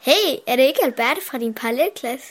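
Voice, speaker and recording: A man's voice: extremely high pitch, animated, a bit bright, breathy edge, voice pushed up, exaggerated voice. A man voicing a sulky eight-year-old girl in a storybook reading, pleading and whiny. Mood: curious. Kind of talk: storybook narration.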